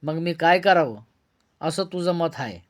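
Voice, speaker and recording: A man reading a novel aloud, voicing a stern young male police officer who speaks earnestly and questions sharply. He uses his own fairly high voice. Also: expressive, measured pace.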